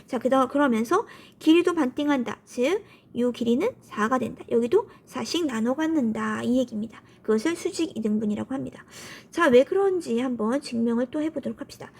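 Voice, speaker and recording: Female math teacher, high voice, casual quiz-and-answer lecturing. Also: expressive, brisk, a little mellow, slightly rough. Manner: asks questions and answers them herself; colloquial, upbeat, often starts with "so".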